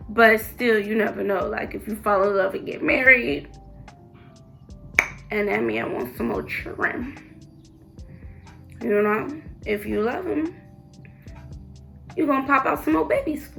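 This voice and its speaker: A young woman vlogger chatting casually to the camera and telling a personal story, full of "like" fillers and animated retellings. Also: fairly high pitch, creaky.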